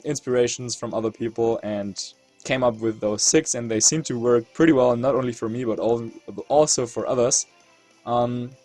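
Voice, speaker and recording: A man's voice: medium pitch, a little mellow. A man with a German accent giving casual gameplay commentary as a channel host, thinking aloud as he weighs his moves. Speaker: competitive video game player and channel host.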